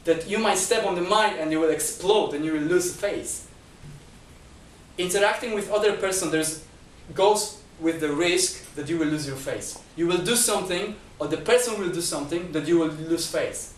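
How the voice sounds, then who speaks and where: At an indoor talk venue, a male guest speaker addresses a discussion group in a lecture-style talk, taking numbered points one by one while frequently restarting and repeating words. Chinese isn't his first language, and his fairly high voice keeps a moderate pace. The room echoes, the mic sits at a distance, and there's a little hiss or hum.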